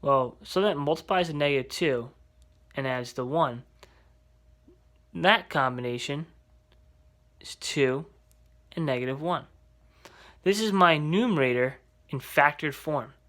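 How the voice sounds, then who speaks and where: A man's voice: a little high, normal speed, long pauses, bright, forceful tone. A man teaching an algebra lesson, explaining step by step and checking in with rhetorical questions. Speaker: math teacher.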